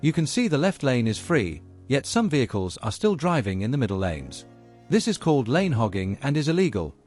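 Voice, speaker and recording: A man presenting a driving lesson in a scripted, instructional narration, explaining each point in a measured way and addressing learners directly. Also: medium pitch, a little mellow.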